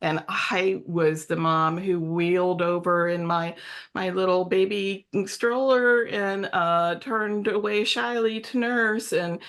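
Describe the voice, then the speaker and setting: A woman hosts a panel discussion with a low-pitched voice. She speaks in a heartfelt, emotional way and tells her story at length. She is speaking over a video call. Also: fairly even intonation, takes it slowly, smooth. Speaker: editor and discussion host.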